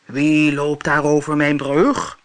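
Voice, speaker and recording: A greedy one-eyed monster from a children's storybook, voiced by a narrator. It growls and bellows loudly, dragging its words out. Menacing and demanding throughout. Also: medium pitch, little pitch movement, slow, natural voice. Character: hungry green one-eyed bridge monster. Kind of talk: storybook reading.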